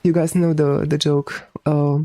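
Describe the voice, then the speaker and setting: Chatting with viewers while streaming a game, this Romanian-accented streamer sounds androgynous and laid-back, cursing casually and dropping many fillers. The voice is medium-pitched and measured, with a dry recording.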